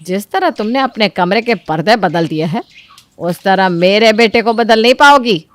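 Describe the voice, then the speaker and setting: A woman playing a bossy shouting mother-in-law. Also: on the high side, normal speed, clear, resonant tone, voice pushed up, natural voice. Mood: domineering. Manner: scolding, loud and commanding. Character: bossy domineering middle-aged mother-in-law. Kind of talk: cartoon story voice acting.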